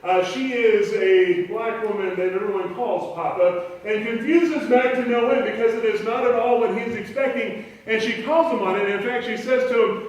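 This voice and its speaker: A man's voice: high voice, moderate pace, lo-fi sound. A male pastor giving a conversational, story-driven sermon. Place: church sanctuary. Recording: echoey church room from far off.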